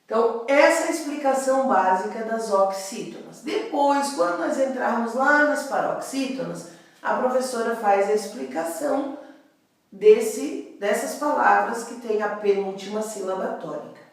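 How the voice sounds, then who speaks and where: A woman's voice: a little high, moderate pace. A woman teacher with a Brazilian Portuguese accent, explaining a grammar lesson patiently and often checking in with her class. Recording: very echoey room, voice from a distance.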